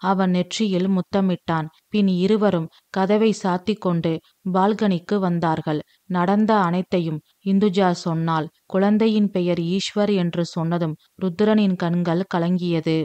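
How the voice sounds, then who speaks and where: A woman storyteller reading a story aloud in steady, even audiobook narration. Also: lowish voice, measured pace, no room sound, muffled recording.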